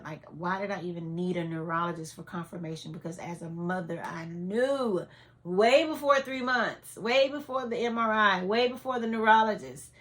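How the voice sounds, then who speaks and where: A woman, giving a heartfelt, tearful personal testimony full of fillers. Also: lowish voice. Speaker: vlogger. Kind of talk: emotional personal storytelling.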